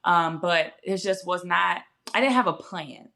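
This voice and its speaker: A woman with a low-pitched voice speaks as a podcast guest. Her delivery is casual and conversational, like someone recounting her own path, and she corrects herself and quotes her thoughts as she goes. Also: a little slow, creaky, pushed and bright. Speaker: podcast guest, fashion brand founder. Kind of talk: casual interview storytelling.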